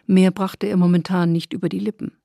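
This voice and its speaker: A woman reads a short story aloud in calm, measured narration, with a creaky, husky voice. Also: fairly low pitch, no echo, clean studio sound. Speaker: reader.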